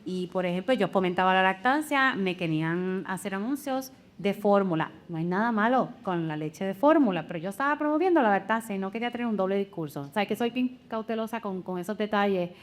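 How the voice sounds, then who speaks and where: A woman speaks as a content creator on a panel. She is candid and animated and laughs easily, with a pitch right in the middle for a woman. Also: a little fast, hardly any pauses. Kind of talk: casual panel discussion.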